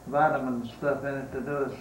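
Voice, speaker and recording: An elderly American man with a Southern accent, a war veteran remembering in an interview, halting with long pauses. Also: medium pitch, steady tone. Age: 80s or older. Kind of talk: unscripted reminiscence in an interview. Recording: roomy, distant mic, faint noise.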